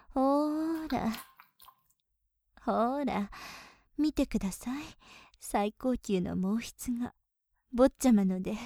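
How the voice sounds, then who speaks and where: Whispered role-play: young woman voicing a polite, teasing maid, slightly high, warm tone, dry close mic. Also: no room sound, close to an everyday voice. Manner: polite, softly teasing, with breathy giggles.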